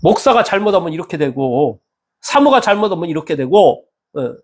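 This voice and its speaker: A male pastor preaching a sermon in a church, animated and acting out the voices of people he quotes. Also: a little high, a little fast. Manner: animated, acts out quoted speech with lively swings in tone.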